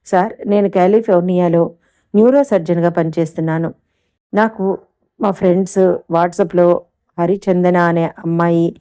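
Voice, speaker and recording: A woman's voice: fairly low pitch, warm tone, clean tone, lightly acted. A woman voicing a very polite young man, a surgeon who calls to propose a match, speaking formally and courteously in a read-aloud story.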